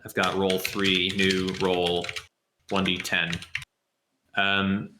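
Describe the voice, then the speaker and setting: A man who is a software developer answering questions in a live session, thinking aloud and explaining things step by step. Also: low voice, monotone, very slow, roomy sound, noisy background. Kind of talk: live Q&A with screen demo.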